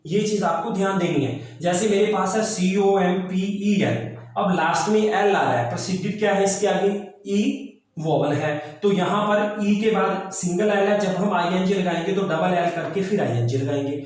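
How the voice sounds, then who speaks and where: A male English teacher with a Haryanvi Hindi accent, lecturing on grammar and spelling out words letter by letter, switching between slow English and quicker Hindi. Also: high voice, a little mellow. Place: classroom with a board. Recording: very echoey room.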